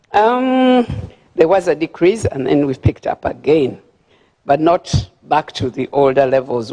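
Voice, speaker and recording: A woman's voice: a bass voice, mellow. An older woman with a Ugandan accent addresses a banquet crowd from a podium. She talks in a chatty, easygoing way and keeps stumbling over repeated words as she gathers her thoughts. Her voice rings out with a long reverb across a large hall. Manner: chatty, repeats words while searching for them, laughs at her own remarks. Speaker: guest speaker at a gala. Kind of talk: formal speech with friendly asides.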